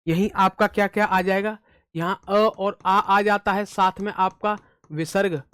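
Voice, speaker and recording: A man's voice: high-pitched, fairly even intonation, a little slow, fairly bright tone, smooth, no echo. A man teaching an online exam-prep lesson, asking the class questions and answering them himself, reciting letters with emphasis.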